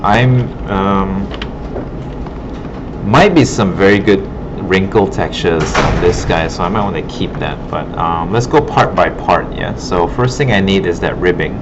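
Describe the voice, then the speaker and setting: Through muffled, noisy, broken-up classroom audio, a man with a low voice speaks at a measured pace. He's an art instructor running an informal demo and thinking out loud while he works.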